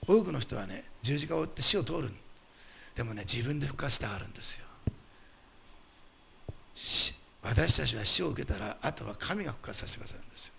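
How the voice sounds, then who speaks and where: A male pastor delivering a sermon, emphatic and animated, putting rhetorical questions to the congregation. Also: a little high, creaky, breathy edge.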